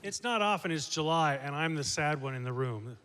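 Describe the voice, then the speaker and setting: A man's voice: a little high, animated, fairly quick, fairly bright tone. A man giving podium speech as a sponsor, plugging and explaining things to an audience. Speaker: segment sponsor and quiz presenter. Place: stage in a hall with an audience. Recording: reverberant hall, crowd and noise.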